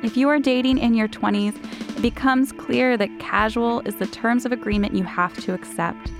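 A woman's voice: a little high, steady tone, normal speed, creaky. A woman hosting a show, reading personal, confessional scripted narration in a candid way. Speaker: show host. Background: music.

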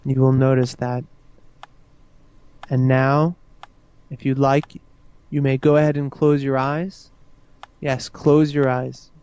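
A man guiding a listener into hypnosis with slow, soothing, repetitive suggestions. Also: medium pitch, level tone, a little mellow, clear, resonant tone, highs cut off. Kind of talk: guided hypnosis induction.

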